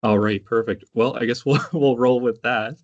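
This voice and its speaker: A man giving a halting online conference presentation, hesitant and constantly pausing with uhs. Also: medium pitch, fairly even intonation. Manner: hesitant, very frequent uhs and pauses. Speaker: conference presenter from a justice charity. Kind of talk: halting presentation on a video call. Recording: dull, lo-fi online call audio.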